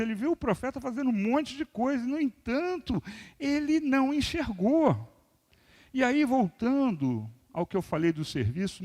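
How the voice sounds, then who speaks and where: A man in his sixties preaching a sermon as pastor, moving between loud emphasis and quiet asides. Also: high voice, creaky. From Brazil. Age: 60s. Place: church hall. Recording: long reverb of a large church hall.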